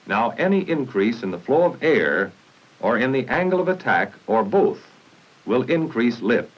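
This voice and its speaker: With big swings in pitch, a mid-range American male voice reads formal, measured instructions. The source is a 1950s military training film whose old soundtrack sounds muffled and noisy.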